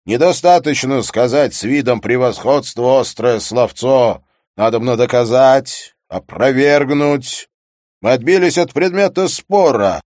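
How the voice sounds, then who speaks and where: A man voicing a sarcastic, blunt provincial gentleman who grumbles and drags out his words in an audiobook. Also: medium pitch, a little slow, no room sound, clean studio sound, natural voice. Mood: sardonic grumbling. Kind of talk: audiobook character reading.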